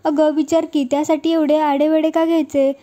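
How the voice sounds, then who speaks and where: A woman's voice: sits high, little pitch movement, brisk, dark tone, natural voice. A woman reading the lines of a guarded middle-aged holy man in a serial recap, in her own plain voice.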